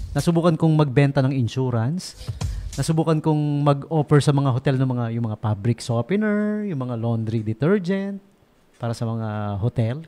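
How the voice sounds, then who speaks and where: A Filipino radio DJ man with a fairly high voice that swings up and down as he talks. He tells jokes in a playful, animated way and laughs at his own punchlines, with faint music low behind him in the studio. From Philippines. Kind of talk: late-night radio joke telling and sign-off.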